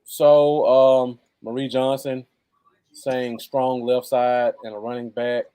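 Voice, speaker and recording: A man's voice: mid-range voice, level tone, slow pace, dark tone, smooth. An American man chatting casually as co-host of a live football fan show. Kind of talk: casual live sports chat.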